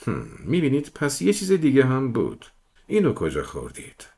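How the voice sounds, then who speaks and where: A man voicing a shrewd police detective who persuades a suspect in a smooth, patient manner. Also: mid-range voice, wildly swooping pitch, mellow, voice pushed up. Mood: probing. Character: shrewd coaxing middle-aged male police detective.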